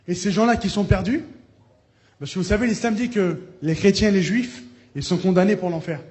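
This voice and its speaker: A man giving a spoken testimony as a preacher, telling his story, acting out the people he quotes and breaking into loud praise. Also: high voice. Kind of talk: testimony sermon.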